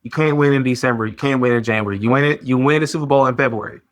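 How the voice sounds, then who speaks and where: A man hosting a sports podcast, talking in a casual, animated way with slang and lots of repetition. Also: medium pitch, racing. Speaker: podcast host.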